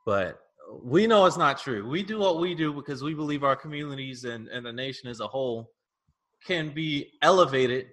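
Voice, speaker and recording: A man with a bright, forceful tone speaks as a guest on a political talk show. He is low-key and talks casually in chat with the other speakers.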